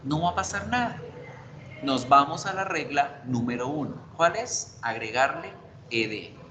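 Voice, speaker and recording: A man's voice: a little high, lively intonation, unhurried, pushed and bright. A man teaching an online English class, explaining grammar rules step by step, switching between Spanish and English and checking in with the class. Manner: spells out letters and asks the class for confirmation. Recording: roomy with background noise.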